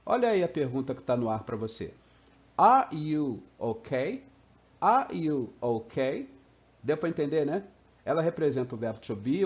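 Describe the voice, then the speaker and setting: A Brazilian man teaching English in a playful video lesson, slowly stretching out example sounds. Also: on the high side, darkish tone. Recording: slightly dull lo-fi sound.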